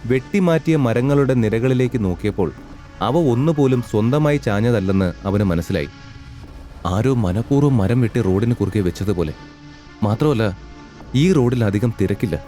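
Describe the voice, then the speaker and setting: A man narrating a scripted audio drama in a steady, even storytelling manner. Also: mid-range voice, moderate pace, faint music behind.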